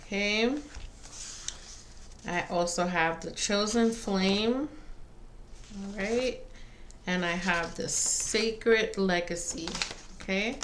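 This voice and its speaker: A woman giving a casual spiritual card reading to viewers, pausing between phrases. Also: mid-range voice, a bit bright. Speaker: tarot and oracle card reader. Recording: faint background noise.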